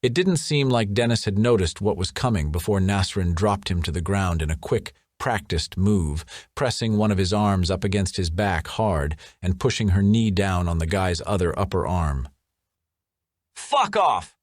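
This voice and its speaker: Guy reading a thriller audiobook, low voice, dry close sound, steady pace. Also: moderate pace, hardly any pauses, dry recording. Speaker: audiobook narrator. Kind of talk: scripted audiobook narration.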